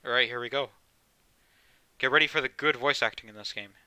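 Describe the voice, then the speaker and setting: A man's voice: mid-range voice, fairly quick, pushed and bright, smooth, dry recording. A young man streaming a game live, chatting casually and rambling, with the odd swear. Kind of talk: casual live gameplay commentary.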